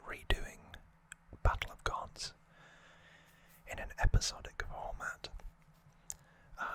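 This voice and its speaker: An ASMR host whispers a trivia summary, breathy and unvoiced, with a slow, hushed and measured delivery.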